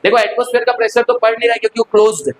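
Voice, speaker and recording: A man's voice: very high-pitched, fairly even intonation, rapid-fire, low-quality recording. A male physics teacher giving a classroom lecture, constantly asking the students questions and answering them himself, with English terms mixed into his explanation.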